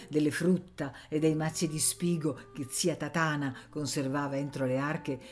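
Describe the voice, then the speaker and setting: Low-pitched female narrator, measured audiobook reading. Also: a little mellow. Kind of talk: scripted narration.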